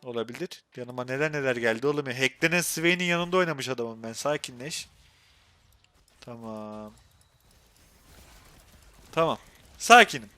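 A young man with a Turkish accent commentating his own gameplay on a live stream, excitable and quick to go from muttering to frustrated outbursts. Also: mid-range voice, smooth, dry recording.

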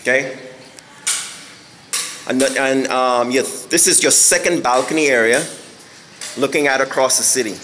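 A man's voice: mid-range voice, a little slow, long pauses, noisy background. A man giving a casual walking house tour on a handheld phone camera, rambling and searching for words with many fillers. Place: empty house, indoors and on balconies.

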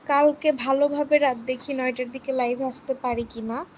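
High-voiced young woman chatting on a live stream. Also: steady tone, normal speed, slight background noise. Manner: chatty, thanks viewers and asks for subscribes. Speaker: beauty channel host on a live stream. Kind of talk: casual live-stream chat.

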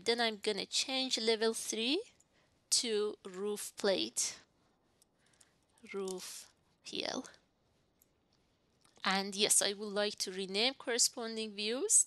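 A young adult woman recording a software tutorial at her desk, talking slowly through each step and checking her own work as she goes. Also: mid-range voice, no echo. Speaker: instructor.

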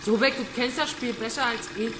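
In a radio crime drama, an actress plays a cold young woman who mockingly taunts her captive with cool detachment. Her natural voice sits on the high side and moves a little fast, recorded with a roomy echo and the sound of water behind.

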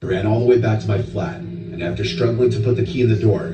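A man reading a scripted horror story in a calm, even storytelling manner. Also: fairly low pitch, fast talker, dull audio. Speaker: narrator of a horror story video. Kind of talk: scripted narration. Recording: echoey, distant playback with loud music. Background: background music from the played video.

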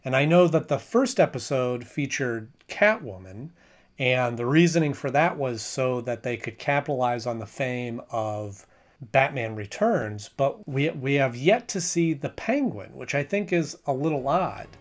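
A man in his thirties reviews an episode to camera from a small room at home, his medium-pitched voice expressive and unhurried. He talks conversationally, hedging and often restarting his sentences.

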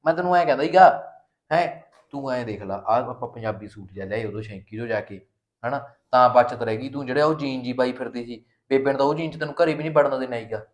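A man playing a fast-talking young husband. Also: medium pitch, lightly acted. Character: cheeky young village husband.

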